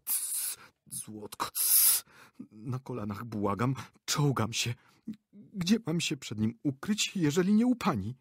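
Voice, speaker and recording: A man's voice: mid-range voice, expressive, measured pace, husky, no room sound, clean studio sound, voice pushed up. A man voicing a cowardly old theatre director who pleads in a trembling, lisping whisper. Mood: pleading.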